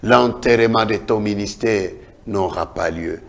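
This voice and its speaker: A man preaching a sermon as a prophet, declaiming in a repetitive cadence and swinging from loud calls to hushed lines. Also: fairly low pitch, unhurried, gravelly, a little hiss or hum. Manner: dramatic preaching with big swings between shouts and hushed lines.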